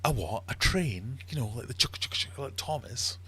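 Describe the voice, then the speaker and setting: Reading viewer comments in a casual, rambling live chat, the middle-aged quizmaster from Glasgow has a husky, mid-range voice. He sounds expressive and sharp in tone, at a normal speed, with a Glaswegian Scottish accent.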